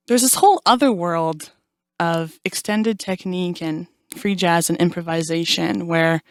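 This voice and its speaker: A woman's voice: lowish voice, clean tone, no echo, clean studio sound. A young woman, a jazz vocalist, telling stories in an interview and acting out the quotes she tells. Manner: animated storyteller, acts out quotes. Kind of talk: casual interview chat.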